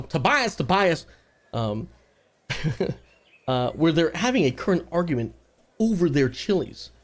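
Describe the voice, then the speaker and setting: A man narrating as game master in a live-streamed tabletop game, laughing often and filling pauses with "uh". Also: mid-range voice, darkish tone. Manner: laughs often, many fillers, puts on townsfolk voices. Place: home studio, live stream.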